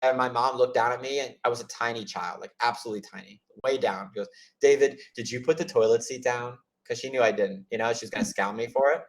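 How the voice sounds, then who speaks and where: A man's voice: fast talker, hardly any pauses. A man hosting a chat, telling stories casually and rambling, with many "like" fillers and restarts, and acting out quoted voices. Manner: rambling, heavy use of "like" and restarts; acts out quoted voices with lively pitch jumps. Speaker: host of office hours.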